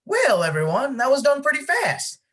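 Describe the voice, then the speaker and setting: With an exaggerated, high, slightly bright voice full of huge pitch swings, an amateur actor at a moderate pace plays the folksy, businesslike village man overseeing the lottery, hesitant in manner. It's a one-act play filmed on a video call.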